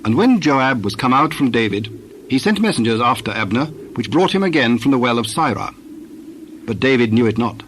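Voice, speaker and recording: Male narrator for scripture: mid-pitched, solemn, measured phrasing, clear background noise. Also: very animated, fairly bright tone.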